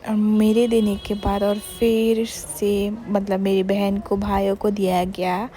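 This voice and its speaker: Young woman vlogger, easy chatty voice-over, mellow tone, light English mixing. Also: medium pitch, completely flat delivery, slow pace, slight background noise. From Bengal, India. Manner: chatty, mixes in English words, many "matlab" fillers. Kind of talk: casual vlog voice-over.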